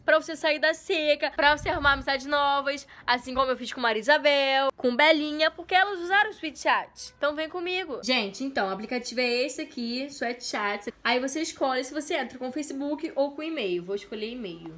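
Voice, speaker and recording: A woman's voice: high-pitched, expressive, brisk, few pauses, a bit bright. A young Brazilian woman hosting a reaction vlog, playful and self-mocking, with exaggerated intonation. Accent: Brazilian Portuguese. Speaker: youtuber host.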